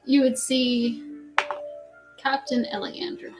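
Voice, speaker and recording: A woman's voice: fairly high pitch, level tone, takes it slowly, over music, low-quality recording. A woman narrating as game master, with chatty, laughing asides.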